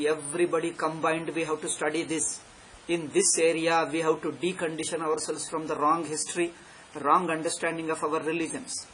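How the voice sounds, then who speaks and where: Speaking off the cuff on religious matters, this man uses a fairly high, slightly bright voice and hammers home his points by repeating phrases, teacher-style. Background noise is plainly audible in the live recording.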